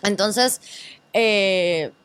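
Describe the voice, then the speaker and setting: Female interview guest, Cuban accent, animated storyteller who slips into Spanglish. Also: mid-range voice, drawn-out words, smooth, no room sound. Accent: Cuban Spanish. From Cuba. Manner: lively storyteller, mixes English words into Spanish. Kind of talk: casual interview chat.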